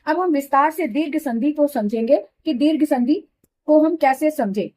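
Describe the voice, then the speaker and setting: A middle-aged woman teaching Hindi grammar in a patient classroom manner, slowly repeating examples and checking that students follow. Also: high voice, darkish tone. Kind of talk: classroom explanation.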